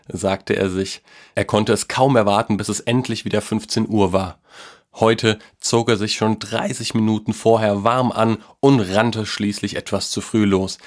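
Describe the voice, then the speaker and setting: A man reading a children's Christmas story aloud, in a calm, even storytelling manner. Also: fairly low pitch.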